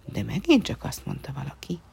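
A woman reads a children's story aloud in a low, husky voice with some gravelly fry. She keeps it soft and often half-whispered, and her melody rises and falls in lively swings.

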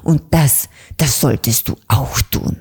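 A woman voicing a stern old female raven councillor in a children's storybook, with a deep, creaky, booming voice. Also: slow pace, darkish tone, full character voice. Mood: lecturing. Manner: booming, scolding.

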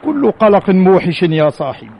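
An actor in an old Arabic radio drama playing a wry, authoritative ancient commander, speaking in measured formal lines. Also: male voice, sits high, big pitch swings, gravelly, darkish tone, heavily acted. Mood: pensive. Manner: measured formal delivery, dryly witty. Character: calm, wry, authoritative male Carthaginian army commander. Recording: muffled, hissy old radio recording.

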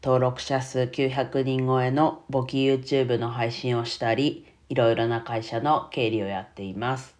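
Nasal and stuffy from a cold, the bookkeeping YouTuber chats casually with listeners on a solo stream. His medium-pitched, slightly mellow voice keeps a measured pace with hardly any pauses and little pitch movement.

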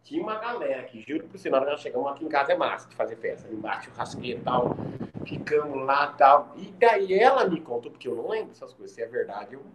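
A man telling a boastful, animated story in casual podcast chat over a video call. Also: mid-range voice, fast talker, background noise.

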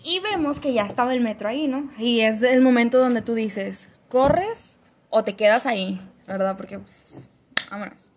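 A woman's voice: a little high, moderate pace. A young woman with a Mexican Spanish accent, telling a story in a casual chat and acting out the dialogue with frequent laughs. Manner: animated, acts out quoted dialogue, laughs often. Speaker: podcast co-host telling a story.

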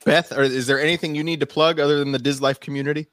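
Rapid-fire male host, grateful and upbeat, dry close audio. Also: fairly high pitch, flat delivery, fairly bright tone, dry recording. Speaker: podcast host. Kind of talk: casual chat.

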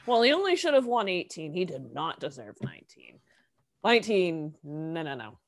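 A young adult woman co-hosting a podcast in casual, animated chat, swearing and laughing easily. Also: fairly low pitch, normal speed, dry recording, clean studio sound. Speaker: podcast co-host.

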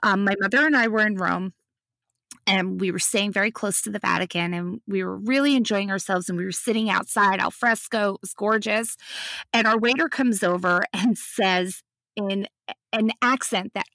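A woman's voice: medium pitch, moderate pace, pushed and bright, no echo. Chatty woman on a dry mic. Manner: chatty, storytelling, frequent "you know". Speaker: podcast co-host. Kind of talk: casual chat.

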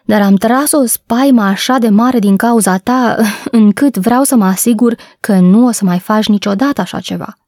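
A woman's voice: a little high, few pauses, a little mellow, no echo, studio quality. A woman voicing an anxious, stern well-to-do lady who questions firmly and urgently in a storybook reading. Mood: weary.

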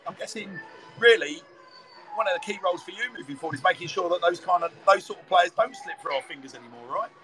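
A man's voice: sits high, animated, fast, pushed and bright, soft background music. A man commentating and interviewing live from a football commentary box, wordy and informal. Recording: noisy live stadium broadcast, clear background noise. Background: stadium ambience.

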